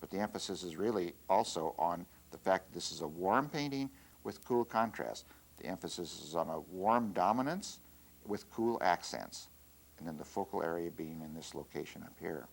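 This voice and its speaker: Halting, low-voiced male art teacher. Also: gravelly, breathy edge. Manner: relaxed, halting, many fillers and restarts. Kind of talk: instructional demonstration.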